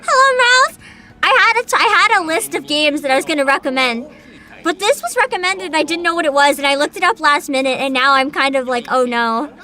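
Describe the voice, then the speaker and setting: A VTuber hosting a livestream chats casually, reacting in an animated, exclamatory way and swearing often. Her voice sits high and her pace is brisk.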